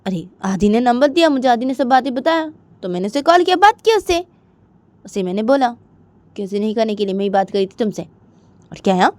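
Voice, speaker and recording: A woman's voice: fairly high pitch, sing-song, fairly quick, a little mellow, no room sound, pitched above the performer's own voice. A woman doing a fussy talkative mother. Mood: chatty. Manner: chatty, questioning.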